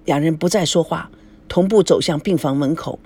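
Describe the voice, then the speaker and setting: Husky narrator reading a story, steady, middle pitch. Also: moderate pace.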